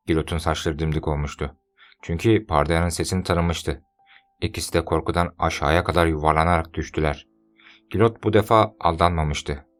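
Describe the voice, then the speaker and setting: Deep-voiced male audiobook narrator, measured, faint music underneath. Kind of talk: scripted narration.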